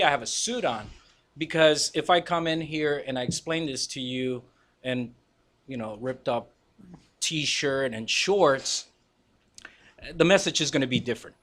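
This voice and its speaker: A man's voice: mid-range voice, fairly bright tone. Confident Spanish-native man explaining things. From Guatemala. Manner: confident, emphatic, lecturing. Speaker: guest, body language teacher. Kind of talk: casual radio interview.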